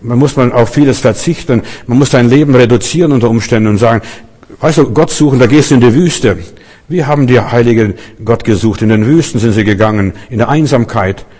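Emphatic preacher in a reverberant hall. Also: male voice, mid-range voice, a little fast, a little mellow. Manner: emphatic preaching, repeated "weißt du", addresses listeners directly. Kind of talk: sermon.

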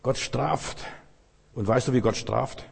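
A man's voice: medium pitch, takes it slowly, creaky, breathy edge. A middle-aged man preaching a sermon with fervor, calling on the congregation for responses. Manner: fervent, calls to the congregation for responses. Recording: long hall reverb.

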